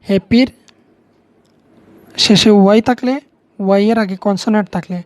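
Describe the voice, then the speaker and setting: A woman's voice: medium pitch, steady tone, normal speed, a little mellow, dry recording. A woman with a Bengali accent, patiently explaining English grammar to students step by step, repeating key words. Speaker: teacher.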